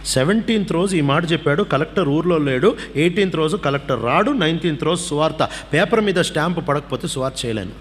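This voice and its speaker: A man preaching a testimony, telling the story in an animated way and acting out the voices of the people in it. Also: fast, few pauses. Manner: animated storyteller, acts out dialogue, pitch swings widely. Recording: long hall reverb with faint background hum.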